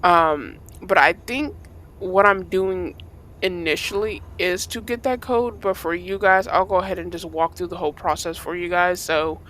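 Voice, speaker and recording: A gaming creator with a hoarse, fading voice, chatting casually to viewers and reading in-game notes aloud with small stumbles. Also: medium pitch, fairly even intonation, moderate pace, fairly bright tone. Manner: chatty, addresses viewers directly. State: hoarse, losing voice. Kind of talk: casual let's-play commentary.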